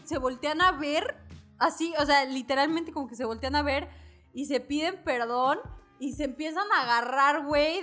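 Brief: young Mexican woman, podcast co-host, high voice, slangy and animated, faint music behind. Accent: Mexican Spanish. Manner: slangy, animated, acts out quotes. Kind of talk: casual film discussion.

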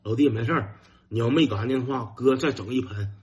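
A man acting out his stern, protective older brother in a low, grave, commanding tone. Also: fairly quick, darkish tone, lightly acted. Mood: stubborn.

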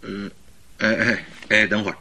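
A man's voice: fairly low pitch, flat delivery, normal speed, pushed and bright, slightly rough, full character voice. A man playing an earnest, eager doctor and detective's companion in a radio drama, explaining with emphasis. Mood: flustered. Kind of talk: Mandarin radio drama acting.

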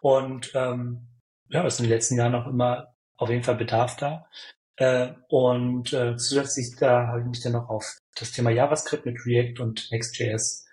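A man's voice: mid-range voice, little pitch movement, moderate pace, darkish tone, poor audio. A man from Berlin, a guest on a podcast, answering questions hesitantly with many fillers and restarts. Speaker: podcast guest, software developer. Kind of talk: interview answers.

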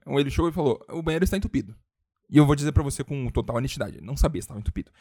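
A man telling a story in casual chat, animated and excitable, swearing and acting out what people said. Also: mid-range voice, racing. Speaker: podcast co-host.

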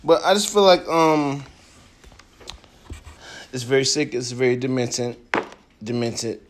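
A man's voice: mid-range voice, slow pace, noisy background. A man in his thirties on a casual podcast roundtable, hesitant with many fillers and blunt slang. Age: 30s. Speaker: podcast guest.

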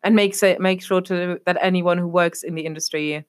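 A woman's voice: on the low side, steady tone, brisk. A young adult woman from Germany chatting casually as a podcast co-host, rambling and leaning on fillers like "obviously.". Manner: rambling, leans on fillers like "obviously" and "a whole thing". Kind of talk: casual chat.

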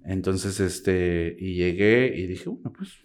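A man with a Peruvian Spanish accent telling a personal story in a casual chat, campy and animated, often breaking into laughter. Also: deep voice, slow. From Peru.

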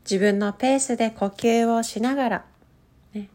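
A woman coach leading a guided breathing meditation in a soothing, gentle manner with drawn-out instructions. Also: a little high, steady tone.

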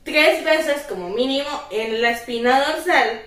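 A Costa Rican woman in her twenties telling a story in casual chat, animated and slangy, acting out her own shouts. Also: high-pitched, a little slow, roomy sound, recorded from a distance. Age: 20s.

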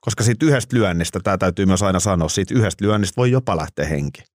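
Low-voiced male interviewer, dry sound. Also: dry recording. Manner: relaxed, curious questioning with fillers. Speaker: interviewer, host. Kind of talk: casual interview.

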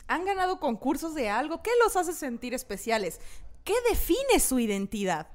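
A young woman with a Mexican accent co-hosting a casual chat, lively and joking. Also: sits high, moderate pace. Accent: Mexican Spanish. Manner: lively, joking, bursts into loud acted outbursts. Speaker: podcast co-host.

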